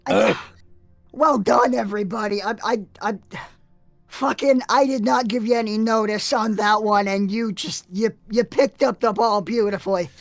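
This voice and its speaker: A woman playing a tabletop game in character, chatty and animated. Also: mid-range voice, moderate pace, gravelly, no room sound, faint music behind. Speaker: player.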